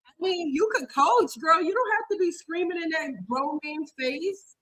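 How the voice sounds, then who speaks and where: A woman's voice: extremely high pitch, moderate pace, fairly bright tone, rough recording. A woman hosting a live watch party, reacting in casual, outspoken, slangy talk. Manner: outspoken, slangy, indignant asides.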